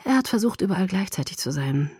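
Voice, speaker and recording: A woman voicing a soft-spoken, composed young male vampire who speaks quietly, in an audiobook. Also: big pitch swings, quick pace, breathy edge, no echo, studio quality. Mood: hushed. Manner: quiet, low-voiced.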